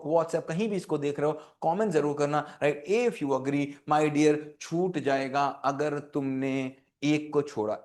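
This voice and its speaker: Motivational speaker, male, higher voice, lively and repetitive, plays out children's squabbles. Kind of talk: live motivational lesson.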